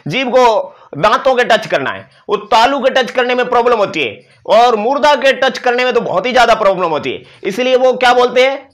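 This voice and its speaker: A man's voice: extremely high pitch, expressive, brisk, hardly any pauses, a bit bright. A male teacher giving an exam-prep lecture, explaining and demonstrating sounds with playful asides to his students. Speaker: Sanskrit teacher.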